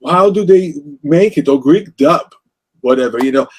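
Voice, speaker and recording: A man's voice: on the high side, lively intonation, normal speed, a little mellow, slightly rough. A man with an Israeli accent, speaking as an interview guest about music in a passionate, rambling way with many restarts. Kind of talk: casual interview conversation.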